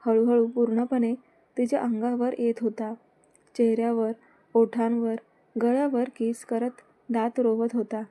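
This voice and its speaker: A woman reading a romance story aloud in a plain, steady way. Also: on the high side, measured pace.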